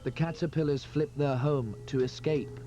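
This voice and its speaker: A man reading scripted nature documentary narration in a measured, explanatory way, heard from a worn VHS tape copy. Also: fairly high pitch, steady tone. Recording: dull lo-fi tape with loud music behind. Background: loud music score.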